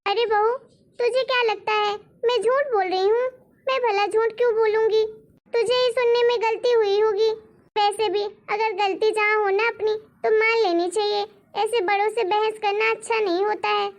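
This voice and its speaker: A woman's voice: very high-pitched, steady tone, normal speed. A woman voicing a scheming, complaining mother-in-law in a cartoon story, nagging and blaming. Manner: nagging, complaining, blames others. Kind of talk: animated cartoon voice acting.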